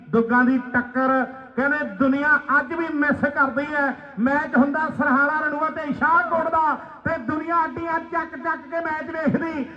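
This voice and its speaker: A man giving excited live kabaddi commentary, repeating players' names and phrases. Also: very high-pitched, echoey room, lo-fi sound. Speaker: kabaddi match commentator and announcer. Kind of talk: live rural sports commentary. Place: outdoor village sports ground.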